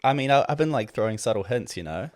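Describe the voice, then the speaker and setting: A man's voice: medium pitch, lively intonation, fast talker, darkish tone, no echo, studio quality. A man in his thirties from New Zealand with a strong, broad Kiwi accent, bantering casually as a podcast guest.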